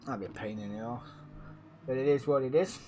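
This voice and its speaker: A man with a croaky, sore-throated voice, chatting casually as host of a racing league stream and talking to himself while he sets things up. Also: mid-range voice, a little fast, dark tone, a little hiss or hum. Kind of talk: casual live-stream race commentary.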